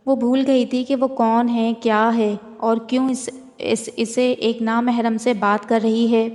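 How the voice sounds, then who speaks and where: A woman reading a romance novel aloud in a steady, even manner. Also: a little high. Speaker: novel reader. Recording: long hall reverb.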